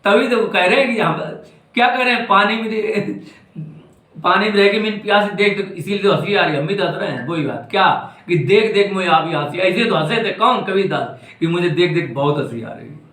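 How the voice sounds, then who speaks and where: A man's voice: high-pitched, fairly quick, a bit bright, roomy sound, poor audio. A man with a Braj Hindi accent giving a devotional discourse as a spiritual teacher, scolding and repeating his points with emphasis.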